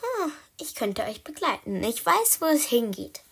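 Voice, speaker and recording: Lady doing a big brown tomcat, purring and calm, slow and kinda breathy. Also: fairly high pitch, heavily acted. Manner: calm and drawling.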